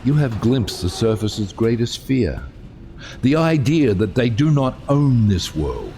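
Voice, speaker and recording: An actor playing a proud, brooding, self-exiled submarine captain in an audio drama, with grandiose, deliberate, theatrical delivery and a gravelly voice. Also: male voice, mid-range voice, very animated, dark tone, a little hiss or hum. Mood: solemn, persuasive.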